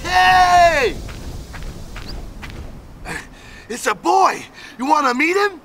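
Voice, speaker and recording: A man's voice: extremely high pitch, lively intonation, takes it slowly, a bit bright, soft background music, heavily acted. An actor playing a brash, good-natured young father in a video game, talking informally with questioning tags on his phrases. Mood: excited.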